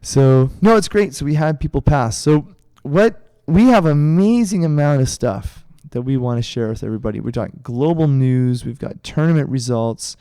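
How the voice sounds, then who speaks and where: A man's voice: mid-range voice, expressive, moderate pace, few pauses, mellow, clear, resonant tone, no room sound, studio quality. Rambling middle-aged male podcast co-host. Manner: rambling storytelling with restarts. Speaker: podcast co-host, karate instructor. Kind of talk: casual chat.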